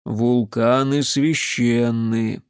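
Casting: man as weary male mage, calm and flat, dry close sound. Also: mid-range voice, extremely slow, smooth, dry recording. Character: tired, patient male mage.

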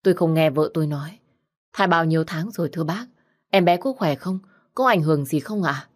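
A woman voicing a sharp-tempered young husband who snaps curt orders, in a storybook reading. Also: sits low, fairly quick. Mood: anxious. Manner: curt, scolding.

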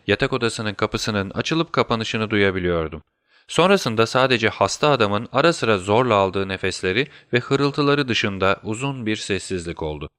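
Male audiobook narrator, low voice, steady pace, dry close recording. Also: smooth, dry recording. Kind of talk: first-person audiobook narration.

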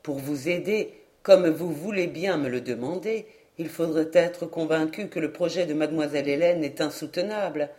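A woman voicing a kindly middle-aged male doctor who speaks in a measured, reassuring, good-natured way in an audiobook. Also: low-pitched, warm tone, pitched below the performer's own voice, natural voice.

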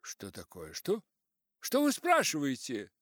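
A man's voice: fairly high pitch, big pitch swings, slow pace, fairly bright tone, no echo, studio quality, pitched above the performer's own voice, exaggerated voice. A man voicing an irritable older professor who snaps scornfully. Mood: irritated. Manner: snappish and scornful.

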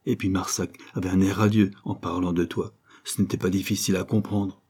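A man voicing an aging, tender aristocratic father who talks in a hushed, emotional way in a storybook reading. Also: sits low, little pitch movement, brisk, breathy edge. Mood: earnest.

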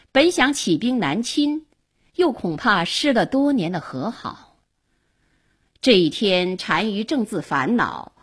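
A woman narrating a historical story in traditional Chinese oral storytelling style, with dramatic, expressive delivery. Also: medium pitch, husky.

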